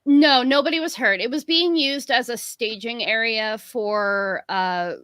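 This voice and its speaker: A woman's voice: on the high side, measured pace, fairly bright tone, dry recording, studio quality. A woman born in New York and raised in the Tampa area, co-hosting a casual baseball chat and explaining things with many "you know" and "like" fillers. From born in New York City, raised in the Tampa area. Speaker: podcast co-host.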